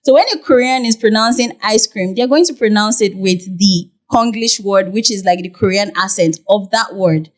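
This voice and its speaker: A young woman with a Nigerian accent, a podcast guest who explains at length in an animated way, with many "like" fillers. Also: mid-range voice, normal speed, hardly any pauses. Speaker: guest, content creator. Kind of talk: podcast interview.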